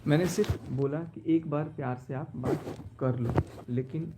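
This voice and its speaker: A man's voice: on the high side, fairly even intonation, normal speed, very noisy. A man talking in a live stream from his car, aggrieved and pleading as he recounts a betrayal. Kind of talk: emotional live-stream monologue.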